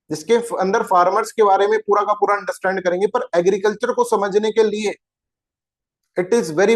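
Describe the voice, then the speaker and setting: A man teaching an exam-prep geography lecture, chatty and informal, who keeps asking his students rhetorical questions. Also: high-pitched.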